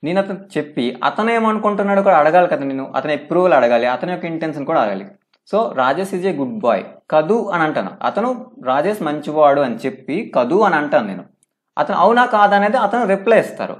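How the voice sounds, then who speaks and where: A man teaching English grammar in a step-by-step lecture, reading out English forms slowly and often checking with "okay?". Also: on the high side, very animated. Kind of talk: classroom lecture.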